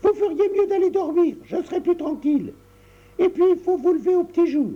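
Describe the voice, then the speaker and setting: A man's voice: very animated, moderate pace. A man voicing a serious, impatient little girl who knits, in a storybook reading. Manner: shrill and bossy. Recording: dull lo-fi recording.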